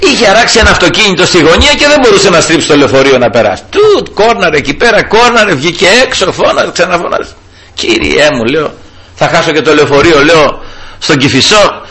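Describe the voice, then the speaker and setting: Fervent bright-voiced preacher man. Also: on the high side, breathy edge. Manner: fervent, repeats "brothers" and "glory to the Lord". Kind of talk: evangelical sermon with personal story.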